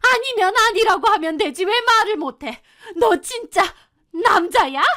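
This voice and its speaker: A woman voicing a furious older mother-in-law in a storybook drama, yelling accusations in a shrill voice. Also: lively intonation, measured pace, heavily acted. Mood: screaming rage. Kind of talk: storybook dialogue.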